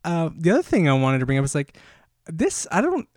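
A man's voice: on the high side, wildly swooping pitch, fairly quick, no room sound, clean studio sound. A man hosting a solo podcast, talking enthusiastically in a rambling way with lots of fillers and restarts, a little out of breath. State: slightly out of breath. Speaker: podcast host.

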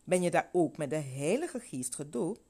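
A woman voicing a gentle male preacher who speaks in a calm, fatherly way. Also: deep voice, normal speed, slightly rough, heavily acted. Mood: questioning.

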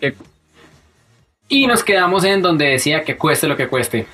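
A young man tells a personal story straight to the camera in an easygoing way. His husky voice sits a little high for a man. He turns lively whenever he acts out the people he quotes. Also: measured pace. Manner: animated, acts out quoted dialogue. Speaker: vlogger telling a personal story. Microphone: webcam or phone camera.

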